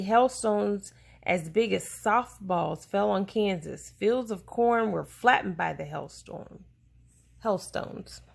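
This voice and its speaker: A woman's gravelly, medium-pitched voice with a breathy edge carries a children's science book as she reads it to a child. She explains carefully and breaks off to field questions.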